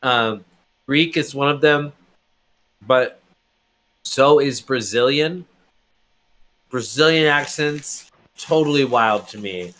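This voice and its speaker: A man's voice: medium pitch, slow, long pauses, a bit bright. A young man running a tabletop game, casual and rambling with many fillers. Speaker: game master.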